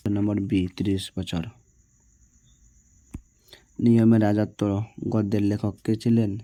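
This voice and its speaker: A man's voice: lowish voice, little pitch movement, slow pace, mellow. A man teaching, working through exam answers one by one and often checking with his students. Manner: reads each question, answers it, checks with "ঠিক আছে?".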